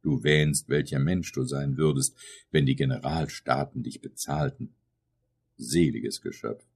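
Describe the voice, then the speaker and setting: A man's voice: sits low, darkish tone, husky. A man reading a classic novel aloud in an impassioned, declamatory style. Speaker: audiobook narrator. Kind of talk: dramatic literary reading.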